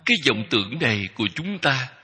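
A man giving a Buddhist dharma talk as a teacher, speaking in slow, measured short phrases that repeat. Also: medium pitch, very animated, sharp tone, slightly rough. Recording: long hall reverb.

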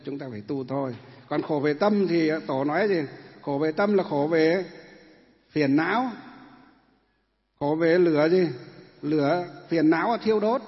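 A man, preaching as a monk before a crowded hall. He talks in a homely, questioning way, acting out scenes for his listeners. The sound is dull and carries a long reverb. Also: a little high. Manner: conversational, asks the audience questions, acts out family quarrels. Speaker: Buddhist monk. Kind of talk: dharma talk sermon. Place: large hall with an audience. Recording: dull echoey hall recording.

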